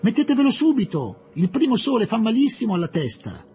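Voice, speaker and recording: A man doing a cheerful, hearty male doctor in a storybook reading, calling out loudly from afar with a voice pushed high, jovial and bouncing. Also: wildly swooping pitch, fairly quick, soft background music, full character voice. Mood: jovial shouting.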